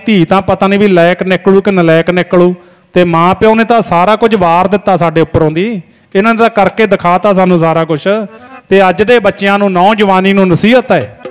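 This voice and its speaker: A man's voice: high-pitched, clean tone. A man preaching an earnest devotional sermon and singing a refrain. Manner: earnest, exhortative. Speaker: Sikh preacher. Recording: long hall reverb, faint music.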